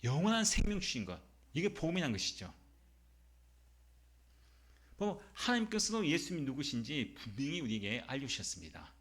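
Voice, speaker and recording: A male pastor preaching a Sunday sermon, emphatic, posing rhetorical questions and reading scripture slowly. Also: fairly high pitch, very animated, fairly bright tone. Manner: reads scripture slowly and deliberately.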